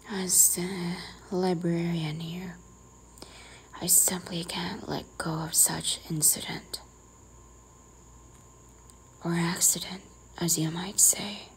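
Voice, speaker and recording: A woman in a whispered role-play, playing a strict, teasing librarian who quietly scolds a careless visitor. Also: on the low side, flat delivery, takes it slowly, pauses often, slight background noise, low-quality recording. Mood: hushed, stern.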